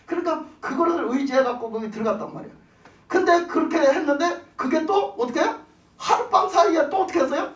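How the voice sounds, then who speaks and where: A preacher giving a folksy, animated sermon and putting questions to the congregation, recorded in a church. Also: sits high, recorded from a distance. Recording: roomy church, voice off mic.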